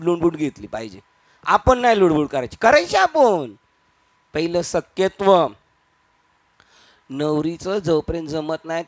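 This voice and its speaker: A man preaching a devotional discourse, his voice sitting high for a man. He talks in an animated way, slipping into quoted voices and firing off rhetorical questions. The sound is close and dry, with no room around it. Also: dry recording. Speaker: kirtan preacher.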